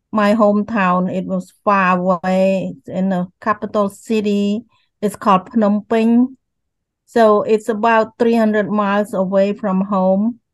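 An older woman from Cambodia with a Cambodian accent, slowly and haltingly telling her life story as a guest over a video call. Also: medium pitch, no echo, rough recording. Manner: slow, halting, repeats words.

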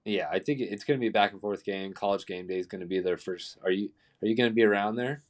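A man's voice: on the low side, fast. A man calling in over the phone as a co-host, giving betting picks in a casual chat and often stumbling over the first words of his sentences. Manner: stammers and repeats words at the start of sentences.

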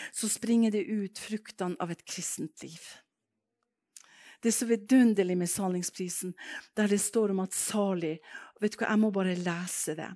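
Here is a woman preacher delivering a sermon with the pull of a born storyteller. She is lively and earnest, and she breaks into fervent calls to God as her stories build. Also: medium pitch.

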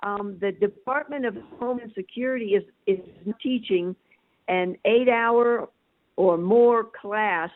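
A woman's voice: mid-range voice, a little slow. An older woman calling in to a show over the phone, talking in an emphatic, chatty way as she piles on her points. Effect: over the phone, tinny line. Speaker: caller. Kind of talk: casual call-in chat. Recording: tinny phone line.

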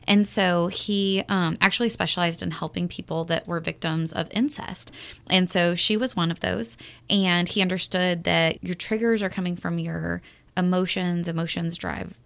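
A woman co-hosting a faith podcast tells a story in an earnest, casual way, with frequent fillers. Her voice sits low and carries a lot of vocal fry. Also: fairly even intonation, moderate pace, a bit bright. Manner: earnest, many fillers, acts out quoted dialogue. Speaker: podcast co-host.

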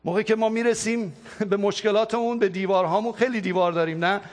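A man's voice: high voice, fairly even intonation. A male pastor delivering a sermon and leading a spoken prayer, in an impassioned, repetitive preaching cadence.

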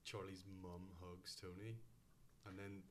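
A man's voice: deep voice, level tone, measured pace, a little hiss or hum. A British man co-hosting a casual film podcast, retelling scenes with enthusiasm. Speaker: podcast co-host.

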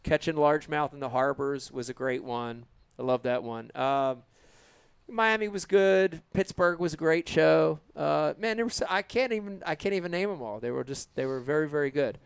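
A man's voice: fairly high pitch, normal speed, vocal fry, smooth, dry recording. A man who hosts a fishing show, chatting casually and enthusiastically and repeating himself for emphasis. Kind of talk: casual group chat about fishing.

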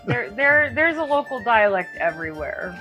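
A woman's voice: a little high, very animated, moderate pace, sharp tone, soft background music. A woman playing a tabletop game over a video call, chatty and emphatic. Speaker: player.

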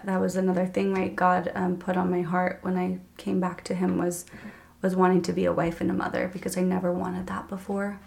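A woman in her thirties, a podcast guest, earnestly telling her personal faith story in a halting, emotional way. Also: on the low side, completely flat delivery, creaky, darkish tone. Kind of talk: candid personal faith testimony.

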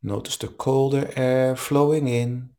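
Slow-paced male meditation guide. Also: mid-range voice. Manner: slow, calm, soothing, with long pauses. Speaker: meditation teacher leading a live online session.

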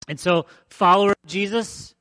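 A man's voice: high voice, normal speed, fairly bright tone, no room sound. A man preaching a conversational sermon as pastor, emphatic and fond of repeating his phrases.

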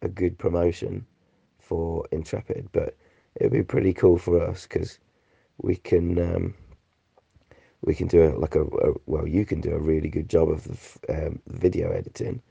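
A man's voice: low-pitched, level tone, normal speed, gravelly, dark tone, breathy edge, no echo. A British man with a rattly, chesty, flu-ridden voice, rambling casually through a sweary, slangy, laid-back voice note. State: sick with flu and a phlegmy cough. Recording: dull lo-fi voice recording.

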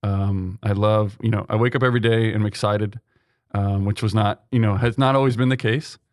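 A man's voice: fairly low pitch, steady tone, a little fast, no room sound, clean studio sound. A young man from Texas, a seminarian, answering interview questions in an earnest way, with many ums and restarts. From Texas, USA. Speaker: seminarian guest. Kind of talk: conversational interview.

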